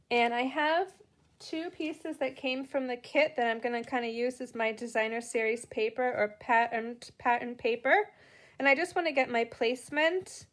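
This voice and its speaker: Speaking in a slightly high voice, a middle-aged woman with a Boston accent leads a live card-making tutorial, chatting and saying hello to viewers as she goes.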